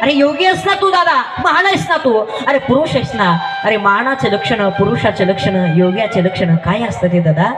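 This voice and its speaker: A man's voice: high-pitched, expressive, moderate pace. A man putting on a little girl begging her brother. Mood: coaxing. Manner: pleading, questioning, sing-song. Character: tiny five-year-old girl pleading with her brother. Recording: roomy echo with live music behind.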